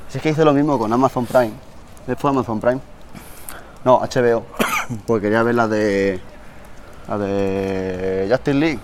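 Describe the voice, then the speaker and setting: A young man in casual chat with a friend, animated and joking. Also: fairly low pitch, moderate pace, pauses often, a little hiss or hum.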